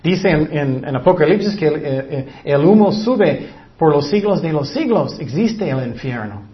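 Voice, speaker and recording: Male preacher, slightly high voice, relaxed conversational sermon, muffled lo-fi recording. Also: moderate pace. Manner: conversational preaching with fillers, quotes scripture, acts out prayers. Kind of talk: informal sermon.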